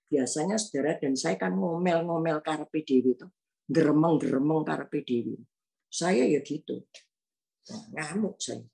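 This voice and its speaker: A woman's voice: low-pitched, a little slow, vocal fry, mellow, husky. A woman in her eighties with a Javanese accent, preaching in a homely, conversational way and telling a personal story to her listeners. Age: 80s. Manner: homely, addresses listeners often as brothers and sisters.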